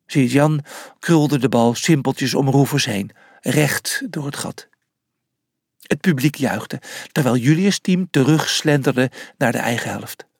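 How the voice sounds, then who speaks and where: A storyteller reading a children's animal adventure aloud with lively expression. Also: medium pitch, takes it slowly, gravelly, husky, dry recording, clean studio sound.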